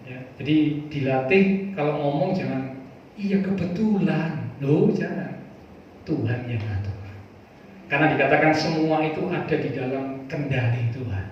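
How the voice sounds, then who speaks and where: A male pastor, preaching a lively, folksy sermon with playful asides. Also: on the high side, slight background noise. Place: large church hall. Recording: echoey church hall, distant mic, dull sound.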